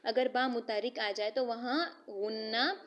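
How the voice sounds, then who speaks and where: A woman teaching Quran recitation, patiently explaining each rule and asking and answering her own questions. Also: fairly high pitch. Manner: chants example verses slowly and drawn out. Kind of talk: recitation lesson.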